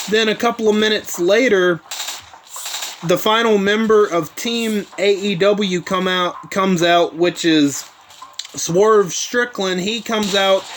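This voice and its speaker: A man's voice: high-pitched, a bit bright, a little hiss or hum. A man hosting his own show, recapping events in a rambling casual way with many asides. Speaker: host.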